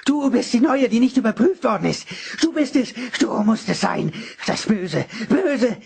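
A man's voice: extremely high pitch, animated, very slow, gravelly, slight background noise, voice pushed up, full character voice. A man playing a frantic paranoid old patient. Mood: frantic shouting. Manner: shouting frantic warnings. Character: gangly old male psychiatric patient, paranoid and agitated.

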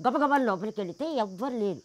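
Talking fast with a slightly high, animated voice, a woman recounts a personal story in an interview on a dry recording. She stresses her points, voices the people in her story, and throws out indignant rhetorical questions.

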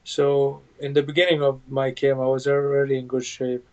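A man's voice: medium pitch, monotone, darkish tone. A man in his thirties from Bosnia, a native Bosnian speaker, answering interview questions in English over a video call from a room at home, with many fillers and restarts. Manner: plain halting speech with many fillers. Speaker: UFC fighter guest. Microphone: video call webcam. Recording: dull lo-fi video call audio.

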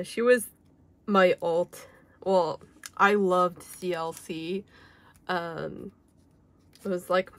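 Young woman with a gravelly, sick voice. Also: mid-range voice. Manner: chatty, many fillers like "like" and "um". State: sick, voice a little off. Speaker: K-pop collector vlogger. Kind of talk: casual unboxing chat.

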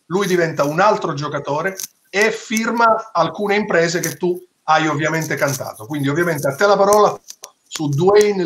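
A man hosting a relaxed chat, steering the talk and describing photos as he goes. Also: high-pitched, slight background noise. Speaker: host. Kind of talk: casual chat.

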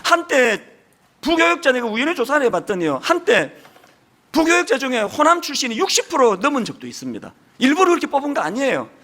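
A middle-aged man preaching a sermon with a strong Gyeongsang Korean accent. His voice sits very high and sounds bright and forceful. He delivers it in an earnest, emphatic way, and his pitch swings up and down a lot. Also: huge pitch swings, brisk. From Gyeongsang region, South Korea. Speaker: pastor.

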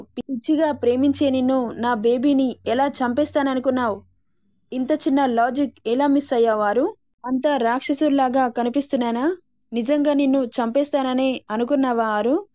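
Woman doing young husband in a spoken story, high, mellow, teasing, pleading. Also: lightly acted. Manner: teasing, scolding banter.

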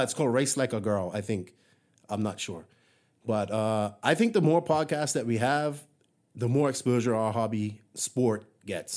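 A man's voice: mid-range voice, darkish tone. A man from Bermuda hosting a hobby podcast, talking in a rambling, friendly way with many fillers and restarts. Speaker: podcast host. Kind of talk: casual solo podcast monologue.

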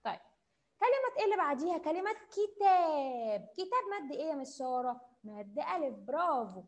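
Brief: young Egyptian woman, high voice, kindergarten teacher on a video call, slow coaxing questions, quick cheerful praise. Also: expressive. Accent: Egyptian Arabic. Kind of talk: online class for young children. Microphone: computer mic on a video call.

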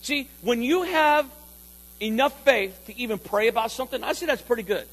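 A man's voice: very high voice, lively intonation, moderate pace, fairly bright tone, rough recording. A man preaching a sermon as pastor, emphatic, repeating key lines and calling for responses from the congregation.

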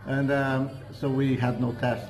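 An unhurried, darkish, mid-range voice with little pitch movement belongs to a man in his sixties from Portugal, who has a Portuguese accent. Interviewed in an indoor hotel cafe with large windows, he chats and rambles with many hesitations and restarts. The audio is poor, with music underneath.

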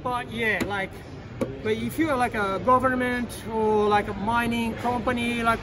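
Surrounded by crowd noise in an indoor expo hall, a channel host in his thirties gives a casual walkthrough. He talks excitedly in loose, rapid phrases with a very high voice.

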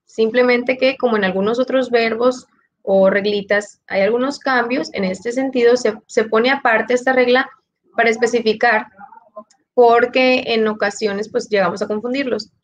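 Teacher lady, highish voice, explains slow and patient, asks ok? a lot, muffled lo-fi sound. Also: steady tone. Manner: explains step by step, repeats key points, ends with "ok?". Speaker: English teacher. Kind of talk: recorded grammar lesson. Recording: dull lo-fi sound.

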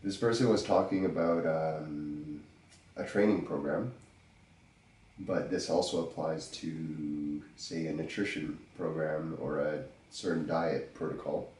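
A man's voice: very deep voice, reverberant, recorded from a distance, rough recording. A man hosting his own podcast while stuffed up from a cold, talking casually and joking as he answers listener questions. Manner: relaxed, joking, thinking aloud with pauses. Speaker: podcast host. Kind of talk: casual solo podcast talk.

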